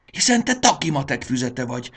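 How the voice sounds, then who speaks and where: A man voicing a polite, curious schoolboy who speaks softly. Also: medium pitch, big pitch swings, slightly rough, pitched above the performer's own voice. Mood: eager. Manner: polite, whispering.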